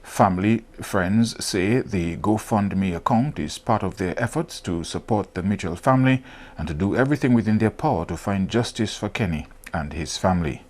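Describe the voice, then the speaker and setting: A male reporter reading a scripted news report with measured, formal delivery. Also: lowish voice, expressive.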